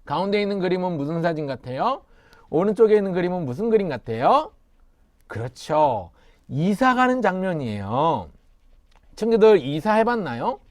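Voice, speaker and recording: A man gives a children's sermon, leading call-and-response and asking the little ones questions. His voice sits fairly high and swings through a wide, animated range. The sound is close and dry. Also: moderate pace, dry recording. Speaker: pastor.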